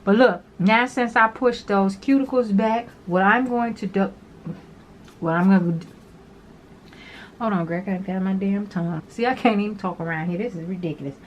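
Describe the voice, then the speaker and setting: Woman, home nail vlogger, chatty and rambling, mid pitch, faint fan hum. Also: moderate pace. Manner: talkative, addresses viewers as "girl"; rambling, repeats herself. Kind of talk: casual chatty tutorial. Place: small home room with an overhead fan.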